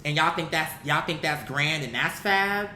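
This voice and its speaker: An online commentator talks off the cuff to viewers in a mid-pitched, sharp-toned voice at normal speed, blunt, emphatic, slangy and freely profane. The home-style recording is echoey and bright, with faint background noise.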